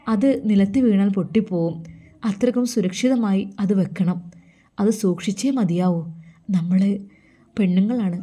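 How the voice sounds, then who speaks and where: A woman's voice: medium pitch, mellow, lightly acted. A woman voicing an earnest, protective middle-aged mother, pleading and warning in a storybook.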